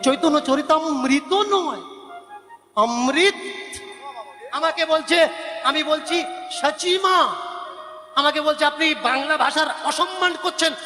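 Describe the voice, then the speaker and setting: A man's voice: very high-pitched, measured pace, pauses often, pushed and bright, long reverb tail, soft background music. A man with a Bengali accent preaching a devotional sermon, arguing his points and correcting how words are pronounced. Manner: argumentative, corrects word pronunciation emphatically. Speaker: religious preacher.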